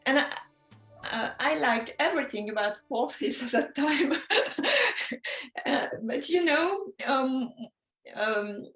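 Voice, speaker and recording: A woman from France with a French accent, speaking English as a guest in a casual interview, talking slowly with many pauses and soft laughs. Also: high-pitched, soft background music. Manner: slow, halting, many ums, soft laughs. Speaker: guest artist. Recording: echoey room.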